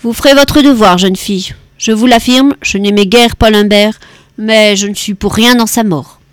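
A woman voicing a cantankerous 88-year-old male winegrower who is gruff but kind at heart, blustering and lecturing in an audiobook. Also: moderate pace, no room sound, close to an everyday voice. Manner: blustering, lecturing, louder and higher than narration. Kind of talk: audiobook character voice.

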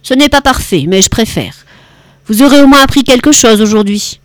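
A woman voicing a cantankerous 88-year-old male winegrower who is gruff but kind at heart, blustering and lecturing in an audiobook. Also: animated, moderate pace, no echo, close to an everyday voice. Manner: blustering, lecturing, louder and higher than narration. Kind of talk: audiobook character voice.

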